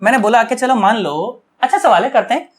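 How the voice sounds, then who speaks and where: A man's voice: very high voice, lively intonation, brisk. Chatty, coaxing male physics teacher. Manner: chatty and coaxing, with constant check-ins; affectionate and earnest toward students. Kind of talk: online video lecture.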